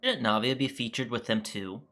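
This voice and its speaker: A man's voice: mid-range voice, moderate pace, pushed and bright. A man giving casual, rambling playthrough commentary as a gaming streamer, in an offhand way. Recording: clear music behind the voice.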